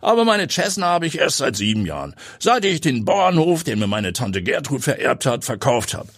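Man playing a bold pilot and reporter, brisk and sure of himself, slightly husky, dry. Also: mid-range voice, no room sound, pitched above the performer's own voice. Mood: confident. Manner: brisk, energetic, self-assured. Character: confident, daring male journalist and pilot. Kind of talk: audiobook character voice.

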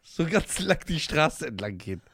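A man's voice: on the high side, big pitch swings, moderate pace, fairly bright tone, slightly rough. A man co-hosting a casual podcast, teasing his friend and acting out film scenes. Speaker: podcast co-host.

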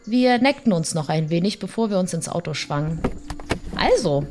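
A woman narrating a first-person horror story in an expressive way, hushing and drawing out the tense moments. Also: on the low side, brisk, soft background music.

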